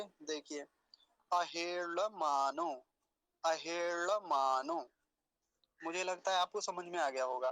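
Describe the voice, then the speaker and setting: A man teaching Sanskrit pronunciation, explaining step by step and patiently repeating syllables slowly and deliberately. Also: high voice, a bit bright, no room sound. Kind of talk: pronunciation lesson.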